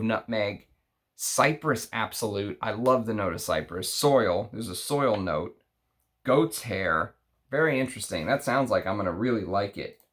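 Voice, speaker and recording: Slow, low-voiced Texan man musing aloud. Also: a bit bright. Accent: Texas. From Texas, United States. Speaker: fragrance review show host. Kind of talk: unscripted unboxing chat, reading out names and notes.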